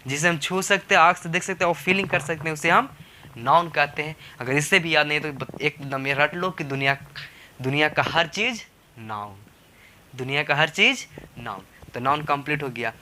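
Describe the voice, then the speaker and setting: Male spoken-English teacher, very bright tone, slightly high voice, repetitive and coaxing. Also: moderate pace, a little hiss or hum. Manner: repetitive, coaxing, asks rhetorical questions. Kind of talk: classroom lesson explaining grammar.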